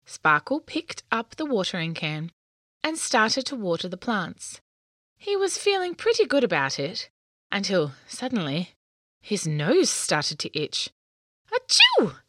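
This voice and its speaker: A woman narrating a children's story in an expressive, lilting read-aloud manner. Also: mid-range voice, unhurried, dry recording.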